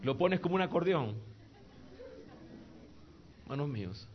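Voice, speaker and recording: A man preaching a sermon to a congregation in a church, emphatic and joking, swinging between shouts and soft, intimate passages. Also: on the high side, expressive, a little slow. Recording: dull lo-fi sound with faint noise.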